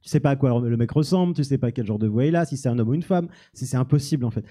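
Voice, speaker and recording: Man, very dark voice, self-mocking, rambling, live audience q&a. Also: medium pitch, rapid-fire. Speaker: youtuber guest. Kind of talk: live Q&A on stage. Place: small cinema-café venue with audience.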